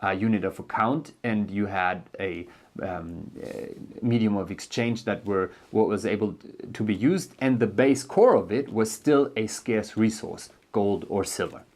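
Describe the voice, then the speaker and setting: A man's voice: lowish voice, unhurried, a little mellow. A man with a German accent who grew up in Germany, hosting an educational video and explaining a book in a loose, unscripted way, thinking aloud with many ums and restarts. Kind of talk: casual spoken book explainer.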